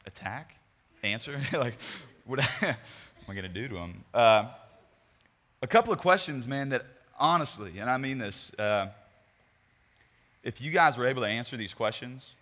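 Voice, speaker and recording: Joking young male youth speaker, bright voice. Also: mid-range voice. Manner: joking, rambling, self-deprecating. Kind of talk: casual youth sermon. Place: large meeting room with a crowd. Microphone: handheld microphone. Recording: hall reverb.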